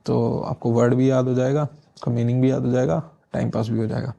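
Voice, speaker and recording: A man teaching English vocabulary in a casual lesson, explaining words with memory tricks and slowly reading out example sentences. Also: medium pitch, level tone, vocal fry, mellow. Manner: often adds filler checks like "theek hai".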